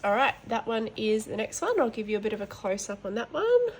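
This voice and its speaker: An adult woman, a mother of boys, hosts a colouring channel from home, chatting in a casual show-and-tell way with rambling, apologetic asides. Hay fever makes her voice nasal; it sits on the high side with big pitch swings and a slightly fast pace. There's a little hiss or hum.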